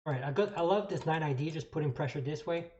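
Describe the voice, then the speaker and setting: A chess streamer from New Brunswick, Canada, with a French Canadian accent, gives casual live commentary explaining his moves. His medium-pitched voice is a little mellow, his delivery halting as he repeats phrases while thoughts form, and the sound is a little dull and lo-fi.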